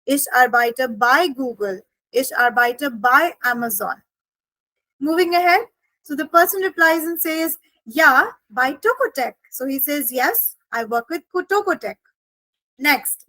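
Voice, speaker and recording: Bright, high-voiced woman teaching German. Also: animated, dry recording, rough recording. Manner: explains each phrase step by step, slows for German examples. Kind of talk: language lesson explanation.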